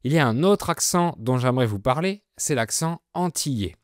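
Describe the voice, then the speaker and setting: A French man hosting a podcast lesson, explaining with slow, clear delivery. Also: mid-range voice, animated, no room sound, studio quality. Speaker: French teacher, podcast host.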